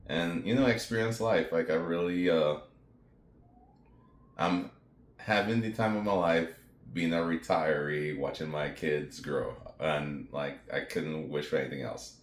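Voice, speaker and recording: A middle-aged man from Trinidad and Tobago with an extremely deep voice, speaking in a relaxed vlog chat. He meanders through his points with fillers and asides to viewers, and his voice echoes around the room he records in. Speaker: retired veteran vlogger. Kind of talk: casual talking-to-camera vlog.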